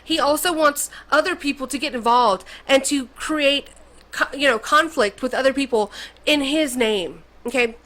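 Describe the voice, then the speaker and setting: Bright, sharp-toned woman host ranting. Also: sits high, normal speed, poor audio. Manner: sarcastic, mocking, repeats "okay?". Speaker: commentary channel host. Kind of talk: opinionated commentary rant.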